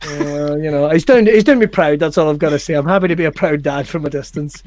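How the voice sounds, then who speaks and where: A Scottish man chatting as a podcast guest, ranting animatedly and swearing loudly. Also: on the high side, fast. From Scotland. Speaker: guest comedian. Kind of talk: casual podcast chat.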